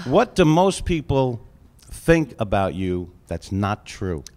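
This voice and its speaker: A man's voice: medium pitch, sing-song, takes it slowly, darkish tone. A male radio morning show host running an upbeat, teasing interview.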